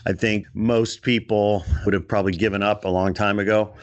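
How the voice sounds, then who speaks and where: A man's voice: on the low side, level tone, brisk, no room sound, highs cut off. Laid-back male podcast host, dry sound. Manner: laid-back, with frequent fillers and restarts. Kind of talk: casual podcast chat.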